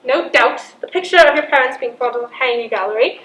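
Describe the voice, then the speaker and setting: A woman's voice: high-pitched, quick pace, fairly bright tone. An actress playing a proud, cunning older queen and mother in a period drama, speaking in a grand, wry, manipulative manner. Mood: wistful, bitter. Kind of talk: theatrical period drama monologue and dialogue. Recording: echoey room, audible background noise.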